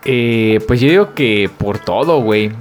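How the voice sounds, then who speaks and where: A man's voice: mid-range voice, animated, measured pace. A young man with a Mexican accent talks like one of the bros on a casual podcast. His delivery is crude and full of slang, and music plays behind him. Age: 20s. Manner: laid-back bro talk, slangy and crude. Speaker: podcast co-host.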